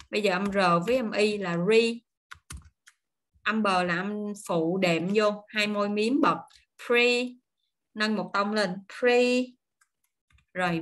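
A woman at a middle pitch runs an online pronunciation lesson. She stretches each model word out slowly, then rattles off friendly, quick explanations between them. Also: fairly bright tone. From Vietnam. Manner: slow, drawn-out model words, then quick chatty explanations. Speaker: English pronunciation teacher.

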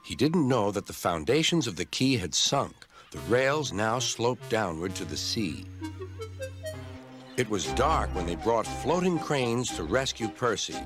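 A man's voice: fairly low pitch, unhurried. A man narrating a children's storybook in scripted style, acting out each character, with music behind. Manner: expressive, acts out every character. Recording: music playing under the voice.

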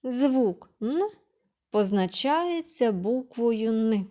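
A woman's voice: on the high side, expressive, very slow, mellow. A woman kindergarten teacher giving a remote literacy lesson to preschoolers, patiently asking questions, answering them herself and sounding out words syllable by syllable.

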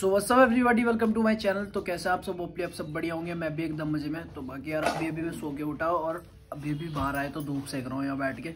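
A young man chatting casually in a home vlog, lively and laughing often. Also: a little high, a little fast, loud music behind the voice. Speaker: vlogger. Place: home rooftop, outdoors. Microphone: phone held by hand.

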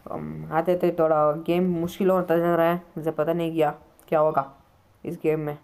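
A man's voice: on the high side, little pitch movement, normal speed, creaky, a little mellow, smooth. A man hosting his gaming channel, giving jumpy let's-play commentary on a horror game, often yelping in fright and talking to viewers.

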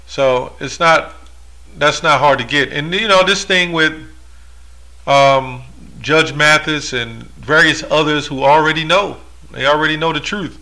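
A man's voice: on the high side, unhurried, bright, forceful tone. A man reading Bible verses aloud and explaining them in a monologue, with rhetorical asides. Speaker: religious commentator.

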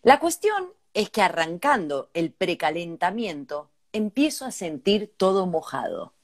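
Very animated yet a little slow, this Argentine woman's voice sits on the low side as she co-hosts a casual, comedic podcast chat in Argentine Spanish. She reads emails from listeners aloud, peppering them with jokey asides.

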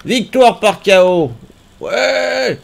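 A man streaming a game, reacting out loud with yelps and groans and talking to the enemies on screen. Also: high voice, expressive, very slow, gravelly. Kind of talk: live gameplay commentary.

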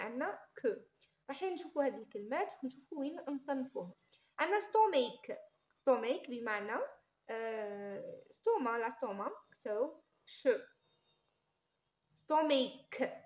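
A young woman English teacher with an Algerian Arabic accent, reviewing for an exam. She says English words slowly and carefully, then explains them in quick Arabic asides. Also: high voice, echoey room.

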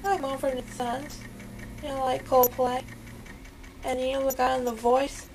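A woman's voice: high voice, little pitch movement, moderate pace, a little mellow, a little hiss or hum, low-quality recording. A young woman rambling in a childlike, groggy way after having her wisdom teeth out, loopy and numb-mouthed, in casual chat. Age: young adult. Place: small dental clinic recovery area, indoors. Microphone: handheld camera at close range.

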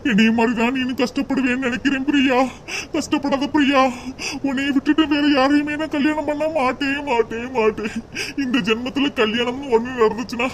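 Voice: high-pitched, lightly acted. A voice actor playing a heartbroken, stubborn young man in a cartoon, crying and pleading, with a Tirunelveli Tamil accent. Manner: sobbing, pleading. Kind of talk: amateur cartoon voice acting.

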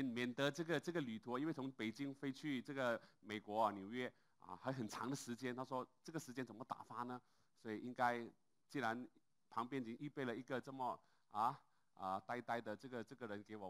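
A male pastor preaching a sermon in an animated way, with many filler sounds and rising exclamations. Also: medium pitch.

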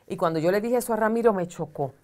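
Her voice sits at medium pitch, mellow and quick-paced. The middle-aged guest, a social communicator on a studio advice talk show, speaks earnestly from an armchair on set. She counsels and explains in a conversational way while gesturing broadly.

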